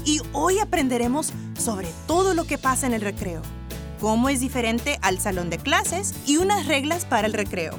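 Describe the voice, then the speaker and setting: A young woman presenting a children's program, encouraging and playful. Her voice is high and sings up and down as she talks. Clear music plays under her. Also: sing-song, normal speed. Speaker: children's show host.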